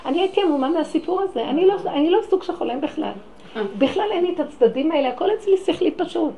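A woman giving an impassioned religious talk, swinging between loud exclamations and hushed, pleading tones. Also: extremely high pitch, expressive, a little hiss or hum, low-quality recording. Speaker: religious lecturer.

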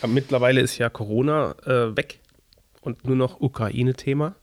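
A man co-hosting a podcast in casual chat, relaxed and dryly teasing. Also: mid-range voice, moderate pace, no echo, studio quality. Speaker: podcast co-host.

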